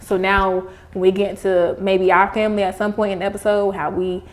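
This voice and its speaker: A woman's voice: medium pitch, little pitch movement, fairly quick. Young woman with a retainer lisp. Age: young adult. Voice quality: slight lisp from wearing retainers. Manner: speaking with retainers in. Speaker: podcast host. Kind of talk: casual chat.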